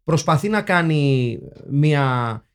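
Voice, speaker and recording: A man's voice: fairly high pitch, animated, clean tone. A man on a podcast talking through a film in casual, rambling chat, restarting often and dropping sardonic jokes. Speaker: podcast host.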